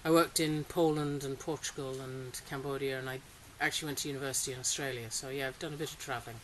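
A middle-aged farmer raised in Singapore chats about her farm in a casual interview, speaking fast in a rumbling low voice with fairly even intonation, laughing often and hesitating with plenty of fillers. She's in a polytunnel, and the poor audio carries faint hiss and rain on the tunnel.

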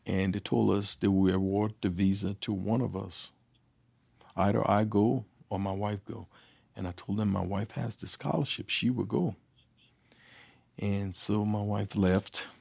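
A man telling a personal story as an interview guest, lively and acting out the dialogue. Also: fairly low pitch, gravelly, no echo. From Liberia. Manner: animated, acts out dialogue. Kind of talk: anecdotal storytelling.

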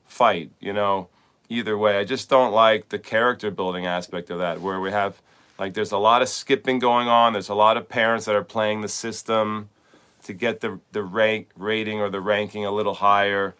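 A man's voice: lowish voice, fairly even intonation, moderate pace, fairly bright tone, smooth. A middle-aged man, a tennis coach hosting a podcast, talking in a casual, rambling monologue full of repeated words and "like.".

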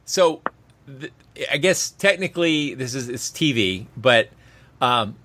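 A man's voice: mid-range voice, animated, unhurried, pushed and bright. A man co-hosting a podcast, talking in an engaged, conversational way. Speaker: podcast co-host. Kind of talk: casual podcast chat and scripted show outro.

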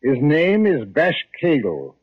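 An actor playing a calm, probing police inspector in a 1950s radio drama, questioning with dry irony. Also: male voice, on the high side, husky, full character voice. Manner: measured, dryly ironic questioning. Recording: tinny old radio broadcast recording.

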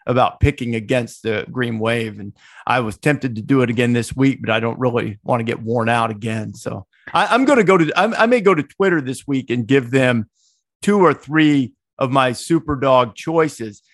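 A man's voice: medium pitch, normal speed, no echo, studio quality. A middle-aged man co-hosting a podcast, chatting casually about college football in a rambling, digressive way with many restarts. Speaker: podcast co-host. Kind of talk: casual sports chat.

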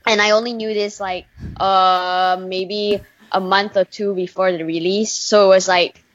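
A chatty young woman from Malaysia tells stories in a casual interview, animated and quick to laugh. The sound is dull and muffled. It is very dry, with no room around it. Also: medium pitch, dry recording. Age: young adult. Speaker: singer guest.

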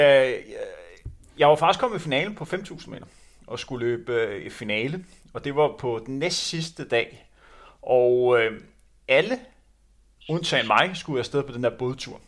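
A man's voice: mid-range voice, expressive. Man rambling through a running story. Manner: rambling storyteller, many fillers. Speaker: former runner telling stories. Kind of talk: casual anecdote chat.

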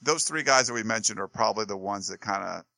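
A man's voice: fairly low pitch, fast, creaky, bright, forceful tone, no echo. A man co-hosting a sports talk show, chatting casually and rambling with lots of fillers and restarts.

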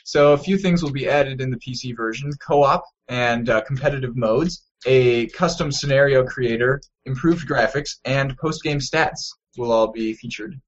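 A man's voice: mid-range voice, moderate pace, few pauses. A man co-hosting a gaming news podcast, chatting loosely with many fillers and restarts. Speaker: podcast co-host. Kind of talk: casual news chat. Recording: dull lo-fi podcast audio.

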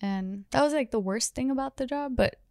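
A woman's voice: high-pitched, a little fast, darkish tone, no echo, clean studio sound. A woman in her thirties chatting casually about her jobs, rambling and easily amused. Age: 30s. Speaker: YouTuber, podcast co-host. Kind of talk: casual chat.

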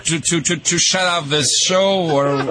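A man from Russia with a Russian accent hosts a radio call-in show, giving jokey dog-training advice in halting English with repeated words. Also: a little high, steady tone, heavy background noise.

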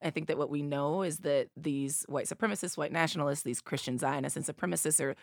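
A woman speaks with an Appalachian accent and a gravelly fry in her voice. She answers like an activist leader in an interview, emphatic and persuasive, tagging points with short questions. The sound is dry and close. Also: sits low, steady tone, fast talker, no echo. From Appalachia, southern United States. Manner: emphatic, with rhetorical tag questions. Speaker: activist leader, co-executive director and interview guest.

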